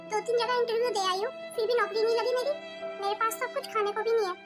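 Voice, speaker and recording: A woman's voice: extremely high pitch, fairly even intonation, fast talker, soft background music. Woman voicing a defiant young cartoon wife. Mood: worried. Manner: firm, outspoken. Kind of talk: cartoon voice acting.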